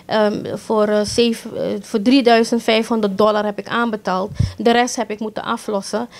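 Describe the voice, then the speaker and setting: A middle-aged woman with a Surinamese Dutch accent, telling an interviewer about her own accident in a halting way with many restarts. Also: mid-range voice, little pitch movement, vocal fry. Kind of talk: emotional first-person account in an interview.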